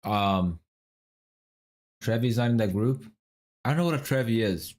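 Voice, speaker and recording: A man's voice: on the low side, lively intonation, unhurried. Young man streamer muttering word guesses. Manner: muttering guesses, swearing, quizzing chat. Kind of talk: casual stream chat, thinking aloud over a word puzzle.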